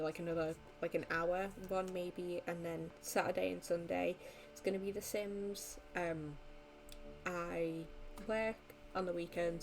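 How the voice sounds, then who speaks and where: A woman's voice: lowish voice, a little mellow, rough recording. A tired young woman wrapping up a live stream, rambling casually with many ums and likes. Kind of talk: casual end-of-stream chat.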